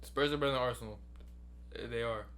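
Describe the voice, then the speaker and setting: Fast-talking man in a sports debate. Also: mid-range voice, a bit bright, a little hiss or hum. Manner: fast, insistent, talks over interruptions. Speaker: podcast co-host.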